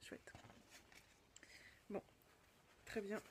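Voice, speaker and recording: A French woman hosting a knitting podcast, chatting casually as she unboxes gifts, full of delighted little exclamations and often dropping to a soft near-whisper. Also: extremely slow. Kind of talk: casual unboxing chat to camera. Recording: noticeable background noise.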